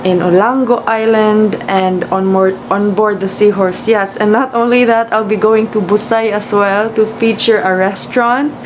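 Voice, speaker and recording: A woman from the Philippines with a Cebuano Filipino accent, just woken up, chatting casually and rambling as she vlogs, switching between English and Cebuano. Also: mid-range voice. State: just woke up. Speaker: vlogger. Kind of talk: casual vlog chat. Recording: clearly noisy room, air-conditioner-like hum.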